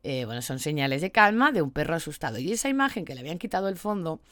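A woman with a Spain Spanish accent talks to her followers as a dog trainer, lively and persuasive. Her voice sits fairly low but swings widely in pitch. It is recorded close and dry. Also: fast, no room sound. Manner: animated, empathetic, persuasive. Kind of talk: explanatory monologue to followers.

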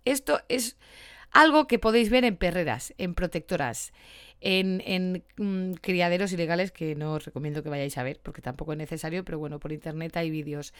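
Woman dog trainer, casual teaching talk, animated delivery, dry close recording. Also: fairly low pitch, brisk, smooth, dry recording. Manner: lively, animated, acts out short quoted lines.

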